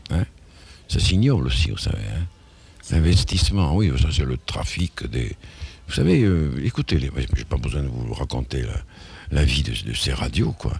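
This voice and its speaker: A man's voice: very deep voice, big pitch swings, moderate pace, gravelly, darkish tone, slightly rough. A man being interviewed as a musician, talking in a rambling, indignant way with many restarts and asides.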